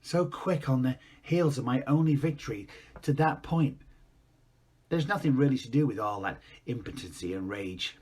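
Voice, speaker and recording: An actor playing a grown man recalling a harsh father in a quiet, reflective monologue. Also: mid-range voice, moderate pace, breathy edge, natural voice. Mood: wistful. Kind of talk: dramatic monologue.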